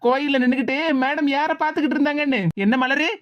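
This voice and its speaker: A woman's voice: high-pitched, fairly even intonation, muffled recording, close to an everyday voice. A woman voicing a teasing cartoon village woman. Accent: Tirunelveli Tamil. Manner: teasing, quick banter.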